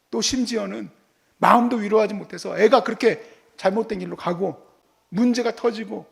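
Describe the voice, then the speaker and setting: A man's voice: high-pitched, gravelly. A man preaching a sermon as pastor, telling stories and acting out how he scolds and comforts his child.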